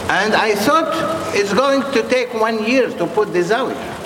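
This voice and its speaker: A man who is a non-native English speaker preaching informally in short, halting, repeated phrases and putting questions to his listeners. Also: high voice, expressive. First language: not English. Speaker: Sufi preacher addressing followers. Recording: echoey reverberant hall with clear background noise.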